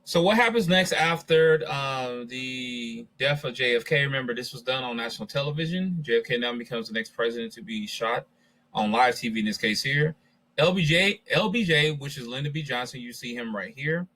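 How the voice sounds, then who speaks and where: A man's voice: medium pitch, lively intonation, moderate pace, bright, forceful tone, poor audio. A man teaching a class, lecturing in a conversational way and addressing his students directly.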